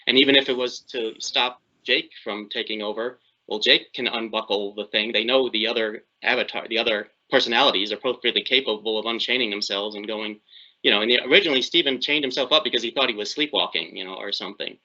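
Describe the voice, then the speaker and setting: A man's voice: lowish voice, fast, pushed and bright. A man on a podcast panel talking casually, puzzling over questions he has. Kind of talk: casual discussion. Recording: muffled lo-fi audio.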